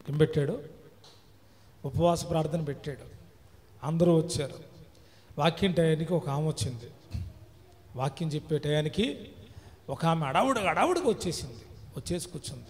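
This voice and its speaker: A man's voice: a little high, darkish tone. Preaching man with long echo. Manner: preaches with emphatic repeated questions to listeners. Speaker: pastor. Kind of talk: sermon. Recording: long reverb with faint music.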